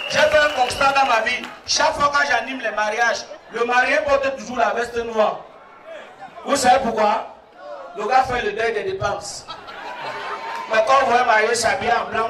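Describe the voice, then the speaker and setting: A man from Cameroon with a Cameroonian French accent, working as a wedding MC and joking with the crowd and calling for applause. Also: sits high. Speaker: wedding MC and comedian. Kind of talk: stand-up comedy at a wedding. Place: wedding reception hall. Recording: roomy hall from far off, noisy crowd.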